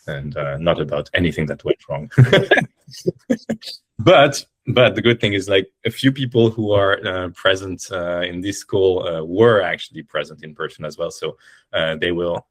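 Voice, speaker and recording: A man with a slightly rusty, bronchitic voice giving an informal conference recap, in halting phrases. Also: sits low, dry recording. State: recovering from bronchitis. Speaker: guest speaker. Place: indoors on an online call.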